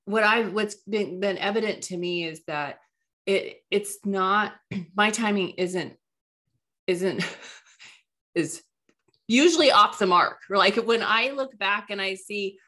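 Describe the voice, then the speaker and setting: A woman's voice: mid-range voice, slow, long pauses, bright, forceful tone. A woman hosting a casual faith conversation, affirming her guest and growing emotional as she talks, stumbling over her words. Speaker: podcast host.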